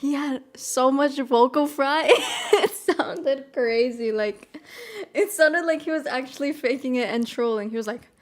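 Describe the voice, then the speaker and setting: Soft piano plays behind a young female streamer with a high voice and a measured pace. She hails from the American South yet carries a mild Midwestern accent, and her casual chatter rambles bubbly along, full of "oh my God" and "freaking."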